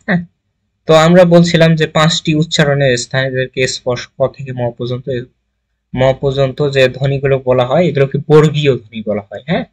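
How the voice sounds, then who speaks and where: A man from Bangladesh with a mid-range voice teaches a grammar lesson, posing questions to the class, answering them himself, and sounding out letters one by one.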